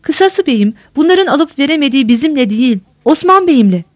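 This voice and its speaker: A woman's voice: sits high, expressive, brisk, no room sound, studio quality. A woman voicing a frightened, beaten old male steward who pleads and rambles on. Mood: pleading. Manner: whining, long-winded pleading.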